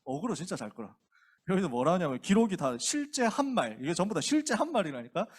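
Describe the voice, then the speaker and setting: Male pastor telling a bible story to teens, super casual, acts out every character, voice high and all over the place. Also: sing-song, fast talker, husky. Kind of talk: youth sermon, casual storytelling.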